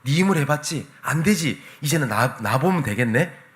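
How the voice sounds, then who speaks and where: A man voicing God, who speaks calmly and reassuringly in a measured way. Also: fairly high pitch, natural voice.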